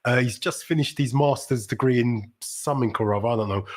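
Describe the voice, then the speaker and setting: A man's voice: medium pitch, brisk. Chatty middle-aged London man. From South London, England. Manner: chatty and rambling, with sudden upbeat exclamations. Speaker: livestream host. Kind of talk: casual livestream chat.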